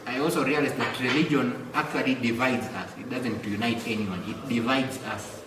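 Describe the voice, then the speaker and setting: A man's voice: mid-range voice, fairly even intonation, moderate pace, a crowd in the background. A Kenyan man, a religious education teacher, answering interview questions hesitantly and often repeating words as he searches for them. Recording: echoey room, far mic, background noise.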